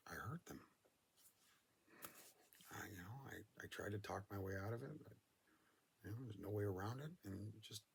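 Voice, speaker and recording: A man's voice: deep voice, vocal fry, fairly bright tone, slight background noise. A man from Northern California telling intense personal stories in an earnest way, swearing freely. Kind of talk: personal storytelling.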